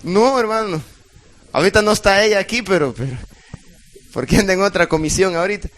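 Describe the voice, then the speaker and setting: Male pastor, middle-aged, high voice, emotional emphatic sermon. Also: brisk, a bit bright. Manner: emotional, emphatic preaching, addressing congregation directly.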